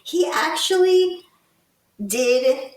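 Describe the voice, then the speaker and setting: A woman from Texas co-hosting a local politics podcast, talking in a deliberate, pointed way with some sarcastic criticism. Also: extremely high pitch, expressive, a little mellow, recorded from a distance. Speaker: podcast co-host. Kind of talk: casual political commentary. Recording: roomy sound, set back from the mic.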